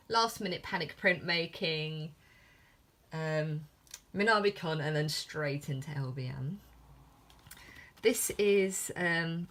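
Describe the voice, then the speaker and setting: Slow, lowish-voiced woman with a lisp. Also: fairly bright tone. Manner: giggly, self-deprecating, hesitant. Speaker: artist showing a sketchbook. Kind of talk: casual vlog commentary. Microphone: filmed on iPhone.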